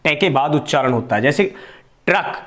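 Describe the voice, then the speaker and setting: A man with a somewhat high voice gives a classroom-style grammar lesson. He explains slowly and patiently, repeating terms and asking questions only to answer them at once. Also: animated, fairly bright tone. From India. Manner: explains slowly, repeats key words, asks and answers his own questions. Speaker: teacher.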